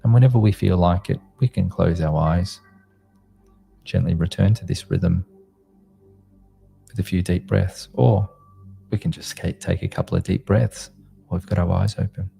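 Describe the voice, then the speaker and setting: A man leading a guided meditation in a slow, gentle, soothing manner, like a sleep story narrator, in short spaced phrases. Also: sits low, vocal fry, soft background music. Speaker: meditation guide, host of a live group session.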